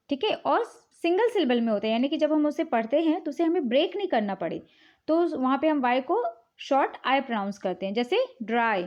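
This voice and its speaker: High-voiced woman teaching phonics. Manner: patient, repeats "ठीक है" often, mixes English words in. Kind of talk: explaining English phonics rules. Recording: dull, lo-fi recording.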